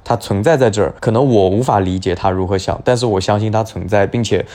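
A man with a lowish voice talks quickly as a podcast co-host. His delivery is casual and meandering, circling back on his words as he thinks aloud about films. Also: dark tone. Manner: thoughtful, rambling with restarts. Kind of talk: casual film chat.

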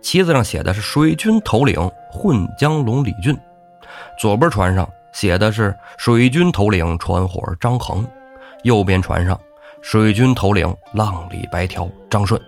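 A man telling a classic tale as the show's host, with lively, jokey asides to the listener. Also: fairly low pitch, unhurried, creaky, soft background music. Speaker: storyteller host. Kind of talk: humorous storytelling of a classic novel.

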